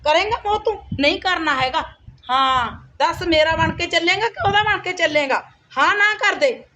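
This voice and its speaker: A woman's voice: very high voice, animated, normal speed, pushed and bright, slight background noise, pitched above the performer's own voice, heavily acted. A woman playing a cruel, scheming stepmother who taunts and scolds with wailing cries. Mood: coaxing. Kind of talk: Punjabi village skit acting.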